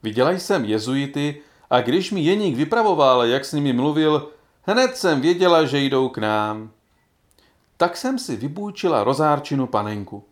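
A man's voice: on the high side, lively intonation, lightly acted. A man reading as a kindly old grandmother. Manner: gentle, smiling delivery.

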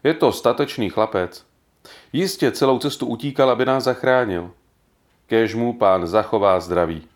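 A man voicing a devout preacher who speaks slowly, gently and solemnly in a storybook reading. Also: mid-range voice, natural voice. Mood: tender. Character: gentle, devout middle-aged male preacher.

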